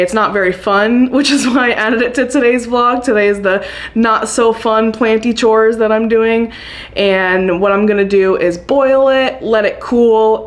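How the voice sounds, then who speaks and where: A young woman vlogging casually about her houseplant chores, chatty and upbeat, laughing often. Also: mid-range voice. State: hiccuping. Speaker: plant vlogger. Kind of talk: casual chat to camera.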